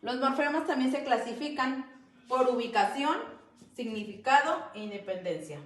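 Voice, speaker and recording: A woman explaining a lesson slowly and carefully, stressing the example sounds. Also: high-pitched, expressive, echoey room. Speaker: student presenter. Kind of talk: educational explanation.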